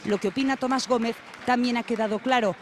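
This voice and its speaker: A man news reporter giving a report voice-over with a crisp, punchy delivery. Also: very high voice, fairly even intonation, quick pace, some chatter behind, slight background noise.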